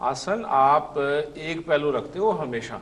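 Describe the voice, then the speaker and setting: Man from Pakistan, politician in a heated TV debate, insistent, repeats himself, slightly high voice. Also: animated, a bit bright. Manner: insistent, repeats phrases to hold the floor. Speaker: politician guest.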